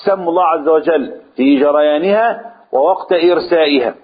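A man with an Egyptian accent giving a religious lesson, stretching out recited verses slowly and then rushing through explanations. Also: a little high, phone-quality sound. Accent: Egyptian Arabic. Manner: explanatory, slow drawn-out recitation then fast asides. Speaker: Quran tafsir teacher.

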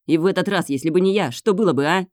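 A woman reading aloud voices an obsessive, menacing young man who snarls, swears and bursts into shouting. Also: on the low side, fast, dry recording, clean studio sound, close to an everyday voice. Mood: snarling.

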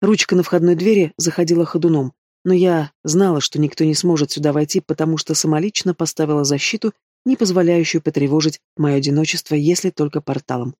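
A man's voice: fairly high pitch, steady tone, brisk, a little mellow, no room sound, clean studio sound. Man reading a fantasy audiobook. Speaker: audiobook reader. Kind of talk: first-person novel narration.

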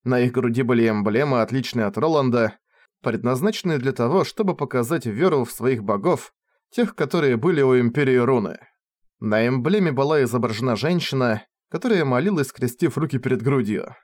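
Expressive male audiobook narrator. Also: medium pitch, brisk.

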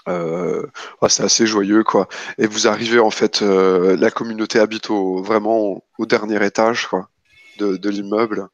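A man with a lowish voice runs a tabletop role-playing game. He narrates casually and haltingly, circling back over words. The sound is dry and a bit dull. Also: flat delivery, dry recording. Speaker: game master.

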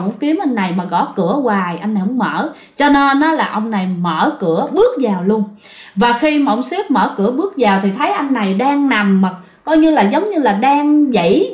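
Chatty Southern Vietnamese woman telling a ghost story, fairly high voice, roomy and dull recording. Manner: chatty, addresses listeners directly. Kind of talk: told ghost story to listeners.

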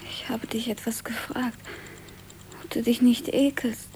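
A woman's voice: fairly high pitch, level tone, a little slow, slight background noise. A frail, ill woman who whispers. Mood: tender weak. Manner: soft, weak, mostly whispered. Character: gravely ill woman, tender and frightened. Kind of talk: German radio play.

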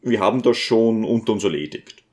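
A man's voice: fairly low pitch, fairly quick, a little mellow, natural voice. A man voicing a wary townsman who brushes questions aside.

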